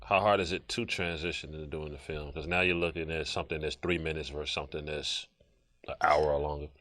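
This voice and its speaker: Very deep-voiced male podcast host. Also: steady tone, fast talker, sharp tone, no room sound, studio quality. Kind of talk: casual podcast interview.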